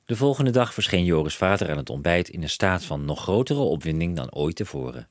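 A man narrating a children's audiobook in a lively storytelling voice, close on the mic. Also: sits low, a little fast, no room sound.

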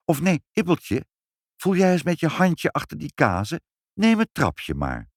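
A man voicing a brisk, knowing mother. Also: fairly high pitch, huge pitch swings, no echo, clean studio sound, pitched above the performer's own voice, full character voice. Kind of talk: children's audiobook reading.

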